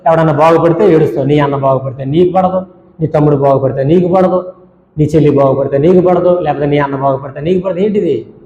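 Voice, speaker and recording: A male preacher with a fairly high, mellow voice delivers a sermon, scolding his listeners with rhetorical questions and repeated lists. The sound is dull and lo-fi, ringing with the long reverb of a church hall. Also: fast talker. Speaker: pastor.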